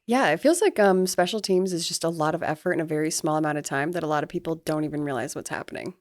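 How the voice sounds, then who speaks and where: A woman's voice: low voice, fast, dry recording, clean studio sound. A woman co-hosting a sports podcast in a chatty, upbeat way. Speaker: podcast co-host. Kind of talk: casual sports podcast chat and ad reads.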